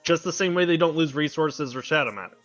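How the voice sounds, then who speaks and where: A man complains bluntly and swears freely in casual gaming talk. His voice is bright and tense, and it comes through a slightly muffled line. Faint music plays behind him. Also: on the high side, fast. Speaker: guest co-player.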